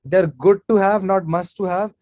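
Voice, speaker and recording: A man's voice: high voice, fairly even intonation, normal speed, darkish tone, no echo. Chatty man giving webinar advice. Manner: casual, chatty, off-the-cuff advice. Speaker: guest speaker at an online security meetup. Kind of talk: live webinar talk answering chat questions.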